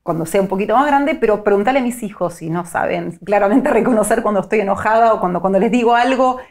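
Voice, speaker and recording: A middle-aged woman with a Rioplatense Spanish accent, a psycholinguist giving clear, teacherly explanations in an interview. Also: medium pitch, fast talker, darkish tone. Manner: clear, didactic, illustrates points with examples. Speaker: psycholinguist guest.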